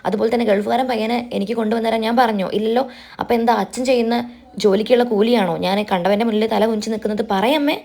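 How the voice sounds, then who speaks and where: A woman's voice: a little high, steady tone, fast talker, darkish tone. A woman voicing a stubborn young woman defying her mother, in a retold TV serial. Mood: defiant. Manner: defiant, insistent. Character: defiant young woman, stubborn, refusing arranged marriage.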